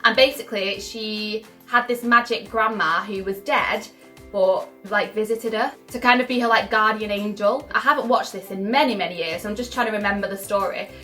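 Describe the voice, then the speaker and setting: Bubbly young woman, bright voice. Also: medium pitch, normal speed, soft background music. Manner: bubbly and gushing, many "like" fillers. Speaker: vlogger. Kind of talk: casual chat to camera.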